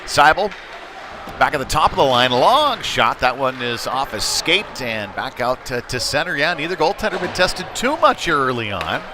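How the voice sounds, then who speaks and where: Clear rink noise surrounds a man doing live play-by-play of a youth hockey game at an indoor rink. He sounds very animated at a normal pace, his voice mid-range, yet his commentary is conversational and a little hesitant.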